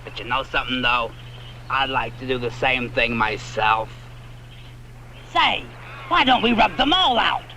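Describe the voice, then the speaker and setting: An actor playing a goofy, excitable, scheming sidekick in an old comedy film, with an American accent. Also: male voice, medium pitch, measured pace, long pauses, exaggerated voice. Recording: noisy old film soundtrack.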